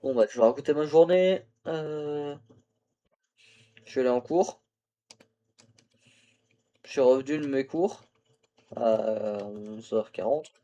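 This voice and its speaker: A man's voice: medium pitch, slow pace, long pauses, warm tone, lo-fi sound. Tired young man rambling on a stream. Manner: rambling, tired, self-talk with fillers and laughs. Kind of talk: casual gaming livestream chat. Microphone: phone used as camera.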